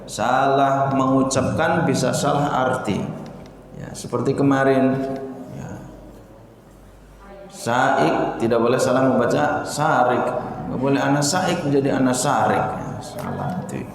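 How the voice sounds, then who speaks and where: A man's voice: medium pitch, steady tone. Indonesian-accented man teaching, very echoey hall. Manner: slow, repeats words to drill them. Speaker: Arabic teacher. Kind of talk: religious language lesson. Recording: echoey hall with faint noise.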